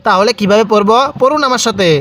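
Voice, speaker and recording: A man's voice: sits high, fast, fairly bright tone. A man teaching Quran reading from Bangladesh. He spells out letters and vowel marks, stretches the long syllables, and has the listener repeat after him. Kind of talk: step-by-step recitation lesson.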